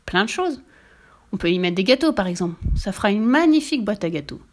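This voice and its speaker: A woman's voice: mid-range voice, very animated, fast. A woman voicing a cheeky, cheerful, fearless little girl in a storybook reading, bubbly and boastful. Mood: joyful.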